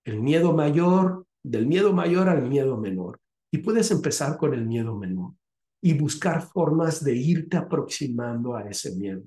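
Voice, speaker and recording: A man hosts a podcast, telling a story and then giving advice. He sounds animated, and his voice sits a little high. The recording carries a roomy echo. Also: unhurried. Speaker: podcast host.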